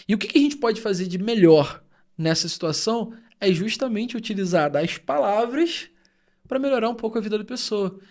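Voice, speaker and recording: Speaking at a normal pace, this earnest man with a high voice sounds expressive and a little mellow. He co-hosts a reflective podcast, comes from Rio de Janeiro state in Brazil, and explains his thoughts at length.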